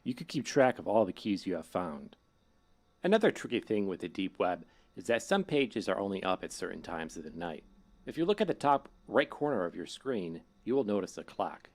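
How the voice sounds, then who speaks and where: A low-pitched male hacker played by a man guides a newcomer through a horror video game. He speaks casually and wryly, like a scripted tutorial narrator, with an ominous edge. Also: very animated, normal speed. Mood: instructive, casual.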